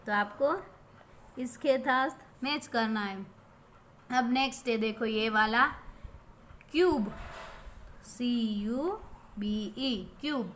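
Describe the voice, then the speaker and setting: A woman teacher with an Indian English accent, giving a primary school lesson slowly and patiently, spelling words out letter by letter and asking the class questions. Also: fairly high pitch, a bit bright, slight background noise.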